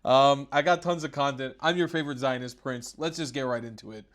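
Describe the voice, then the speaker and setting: A political commentary host runs his own channel, mocking news clips with sarcastic remarks and frequent laughter and swearing. His voice is medium in pitch, fairly bright, and a little fast.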